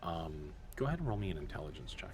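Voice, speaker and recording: A man's voice: low voice, big pitch swings, very fast. A man running a tabletop game as game master, narrating loosely with restarts and fillers. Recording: music playing behind.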